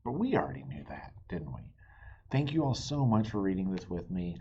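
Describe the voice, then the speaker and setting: A woman with a very deep voice reads a children's picture book aloud a little quickly, her tone slightly rough. She's an expressive storybook reader and host who talks straight to young listeners with friendly asides, recorded with dull lo-fi sound and faint noise.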